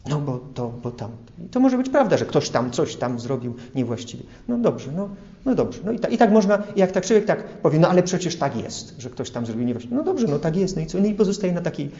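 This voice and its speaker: A man's voice: a little high, big pitch swings, a little fast, dark tone, muffled recording. A man preaching an earnest sermon, illustrating his points with everyday examples. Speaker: priest.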